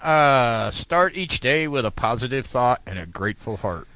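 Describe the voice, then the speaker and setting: A man's voice: medium pitch, normal speed, no echo, low-quality recording. A man casually chatting and reading inspirational quotes aloud. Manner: relaxed, reads quotes aloud. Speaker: co-host.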